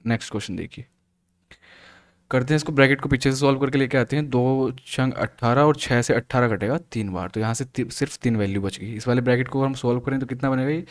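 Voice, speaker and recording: A man's voice: medium pitch, fast. A male math teacher solving exam questions aloud, asking and answering his own questions as he works. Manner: steady step-by-step explaining, asks and answers own questions. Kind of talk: exam solution walkthrough.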